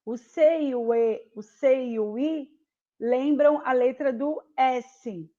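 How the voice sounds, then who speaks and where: A woman's voice: high-pitched, mellow, highs cut off. A woman teaching a primary school class online, patient and explaining step by step, checking often that the children follow. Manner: slow, patient, repeats and checks with "tá certo?".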